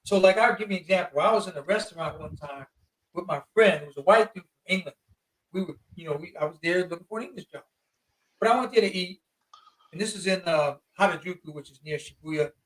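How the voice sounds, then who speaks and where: High-voiced man telling casual stories. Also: quick pace, recorded from a distance, poor audio. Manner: animated, slangy, emphatic. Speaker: interview guest, traveler. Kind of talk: casual storytelling.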